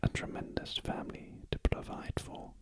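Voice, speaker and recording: A British man voicing a humbled, submissive old miser from a storybook in a breathy ASMR whisper. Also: normal speed, natural voice. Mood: meek, submissive.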